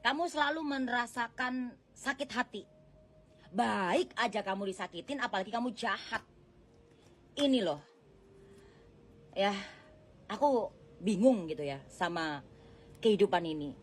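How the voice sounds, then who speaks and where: A woman's voice: medium pitch, animated, unhurried, long pauses. Chatty woman reading tarot cards. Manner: gentle, chatty, addresses the viewer directly, laughs often. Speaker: tarot card reader. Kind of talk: casual tarot reading monologue.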